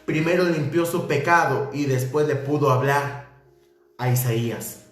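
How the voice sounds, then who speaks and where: A man's voice: mid-range voice, a little slow. A man preaching a fervent sermon as pastor, repeating phrases and reading scripture aloud. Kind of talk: livestreamed sermon. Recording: very echoey room.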